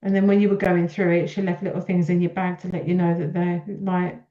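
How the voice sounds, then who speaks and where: A woman's voice: on the low side, monotone, a little fast. A woman hosting a casual chat, effusive and encouraging towards her guest. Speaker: podcast host. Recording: echoey room, slightly dull audio.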